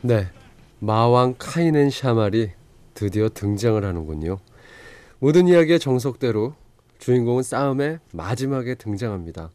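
A man's voice: medium pitch, expressive, moderate pace, darkish tone. A man hosting with polite scripted narration. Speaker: host narrator.

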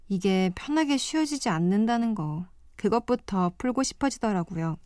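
Woman, late-night radio DJ, calm and reflective, mid pitch, dry close studio sound. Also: dry recording. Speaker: guest radio DJ.

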